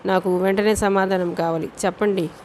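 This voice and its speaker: A woman's voice: medium pitch, steady tone, a little fast, darkish tone, a little hiss or hum, close to an everyday voice. Woman voicing a fierce police officer. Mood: stern. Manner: stern, commanding questioning.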